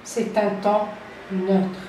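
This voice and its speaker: An older woman, a French teacher, giving a slow grammar lesson and repeating key terms deliberately. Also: medium pitch, level tone, dark tone, a little hiss or hum. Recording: echoey room, voice from a distance.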